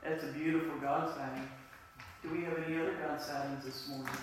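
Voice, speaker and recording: A woman's voice: low-pitched, fairly even intonation, brisk. A woman pastor with an Appalachian accent, speaking to her congregation during a church service. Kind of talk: church service talk and prayer. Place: inside a church, congregation present. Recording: roomy, distant church mic, faint noise.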